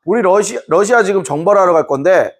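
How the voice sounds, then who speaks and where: Man doing bossy swaggering kid voice, brash, high lively pitch. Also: fairly quick. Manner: brash, ordering about casually. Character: bossy Qing court as a swaggering older kid.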